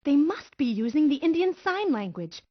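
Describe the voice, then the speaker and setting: A woman's voice: sits high, sing-song, normal speed. A woman playing an earnest heroine in a video game. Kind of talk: video game character acting. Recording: dull game audio, faint noise.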